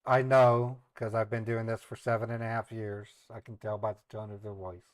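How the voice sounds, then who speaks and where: A man's voice: lowish voice, flat delivery, normal speed, clear, resonant tone, no echo. A man with an American accent hosting a live stream, talking casually and unhurriedly as he thinks aloud. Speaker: live stream host who calls scammers.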